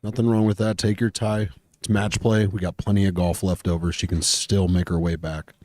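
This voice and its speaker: A man's voice: low voice, little pitch movement, moderate pace, a little mellow, dry recording. A man working as a golf commentator, talking through a match conversationally and offering his own advice and opinions.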